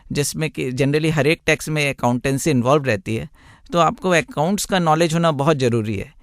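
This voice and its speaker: A man, a blind tax consultant, answering radio interview questions in a measured, explanatory way with many examples. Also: mid-range voice, no echo, clean studio sound.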